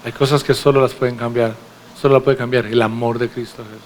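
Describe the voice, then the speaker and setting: Emphatic preacher. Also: male voice, mid-range voice, level tone, fast, slight background noise. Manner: emphatic, rhetorical questions, addresses congregation directly. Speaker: pastor. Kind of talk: sermon. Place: church with congregation.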